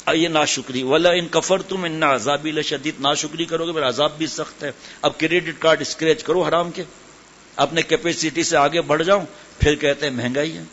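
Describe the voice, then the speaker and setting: A man delivers a religious sermon to a gathered audience, his voice sitting on the higher side for a man. He keeps turning to his listeners with direct questions and drops English words into his speech. The recording sounds dull and lo-fi. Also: fairly even intonation, fairly bright tone, slight background noise. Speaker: preacher.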